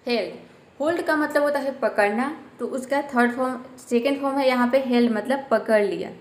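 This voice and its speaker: A woman teaching English word by word, slowly repeating each word with its meaning. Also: sits high, reverberant. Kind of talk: explaining English sentences word by word in Hindi.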